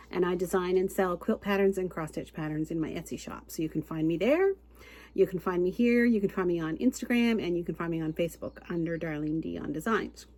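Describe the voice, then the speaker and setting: Middle-aged female crafting host with a cold, somewhat low voice, casual and homey with fillers. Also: darkish tone. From Canada. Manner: chatty and homey, with frequent fillers and light laughs. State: has a cold, sucking on a cough drop. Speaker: cross-stitch and quilt pattern designer, channel host. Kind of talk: casual chat to camera.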